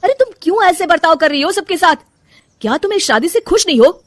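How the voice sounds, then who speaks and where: A woman's voice: medium pitch, very animated, brisk, no echo. A woman voicing a patient young husband who coaxes and pleads with his wife. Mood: pleading. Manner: soft coaxing, pleading questions.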